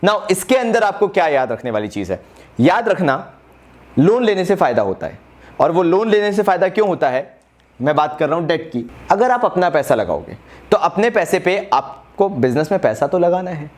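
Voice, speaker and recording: A man teaching a fast exam-revision lesson in a brisk, direct way, urging students to write quickly and slipping English terms into casual speech. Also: high voice, very animated. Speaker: commerce teacher.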